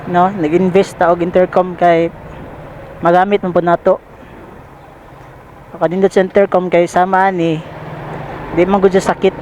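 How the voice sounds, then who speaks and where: This Filipino rider-vlogger speaks in a high-sitting voice with little pitch movement, normal speed, and frequent pauses, his Bisaya accent clear as he casually chats to his pals while delivering on a motorcycle in traffic. He tends to repeat phrases, and the low-quality recording comes from a helmet intercom mic over loud traffic.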